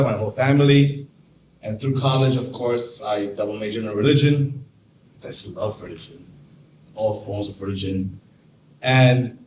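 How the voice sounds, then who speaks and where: Trinidadian man telling his story in an echoey hall. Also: medium pitch. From Trinidad and Tobago. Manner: storytelling, animated when recalling wonder. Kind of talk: personal talk to teachers. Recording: echoey room from far off, faint noise.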